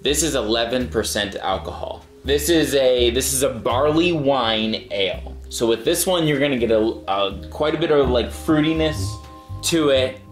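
A man's voice: mid-range voice, expressive, moderate pace. A man hosting a casual chat, explaining things in a talkative way and laughing often. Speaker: host. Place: indoors in New York. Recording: echoey room with faint music.

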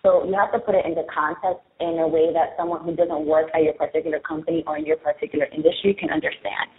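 This young woman, whose accent blends Spanish with the Bronx, talks fast in a low, steady voice as she frankly explains branding tips in stages during an interview. The recording is reverberant and tinny, like a phone.

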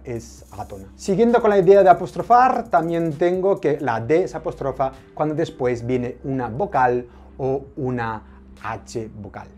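An online Spanish teacher, explaining a language lesson in a methodical way, pausing often with hesitant fillers. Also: medium pitch, a little mellow.

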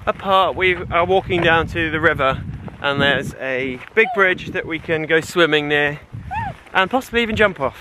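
A young man and father rambling casually to a handheld camera outdoors about his day, poking gentle fun at himself. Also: a little high, normal speed, background noise. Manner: relaxed and rambling, self-deprecating. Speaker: vlogger, father. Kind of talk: casual travel vlog chat.

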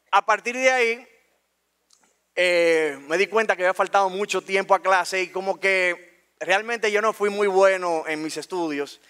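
A man with a Dominican accent telling a personal story on stage, colloquial and animated, acting out scenes. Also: sits high, smooth. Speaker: speaker. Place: stage in a talk venue.

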